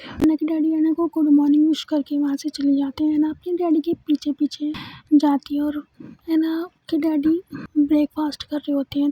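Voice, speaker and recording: A woman telling a story casually, stringing it together with a constant verbal filler. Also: high voice. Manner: repeats the filler "is it not" constantly. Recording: dull lo-fi recording.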